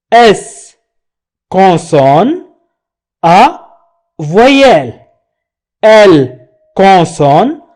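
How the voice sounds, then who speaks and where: A man teaching French pronunciation, spelling out letters and syllables slowly. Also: sits high, a little mellow. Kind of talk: slow pronunciation lesson.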